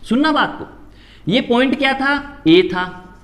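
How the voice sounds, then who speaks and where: A middle-aged man teaching a maths lecture, lively, repeating phrases and acting out his students' questions. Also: very high-pitched, slow pace.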